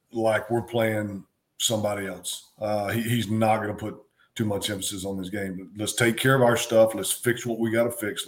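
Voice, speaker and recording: With a lowish voice, this middle-aged man, once a football coach, co-hosts a sports talk show, his speech stumbling along through frequent ums and false starts.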